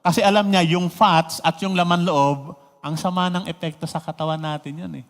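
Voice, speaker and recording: A man preaching a sermon, lively, full of rhetorical questions and mixing in English phrases. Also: sits high, fairly quick, long reverb tail. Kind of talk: radio sermon.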